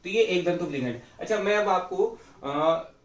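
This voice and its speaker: A man teaching chemistry in a fairly high voice, posing questions and answering them himself and repeating each key term. The room rings with echo and the mic sits some way off from him. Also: lively intonation, moderate pace. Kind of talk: classroom lecture. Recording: echoey room, mic far off.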